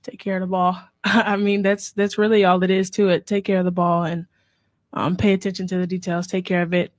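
A woman's voice: fairly low pitch, little pitch movement, a little fast, dry recording, clean studio sound. A young woman college basketball player answering questions at a postgame press conference, blunt and matter-of-fact, into a table microphone. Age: young adult.

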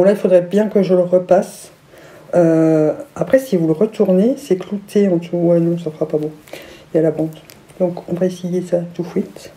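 Gushing woman with a dark, mellow voice. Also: on the low side. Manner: gushing, enthusiastic, exclamatory. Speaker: vlogger. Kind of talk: casual haul review.

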